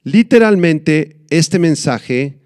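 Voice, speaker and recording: A pastor preaching a sermon, explaining slowly and repeating key words for emphasis. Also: male voice, fairly high pitch, animated, a little mellow, clear, resonant tone, dry recording, studio quality. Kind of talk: sermon teaching.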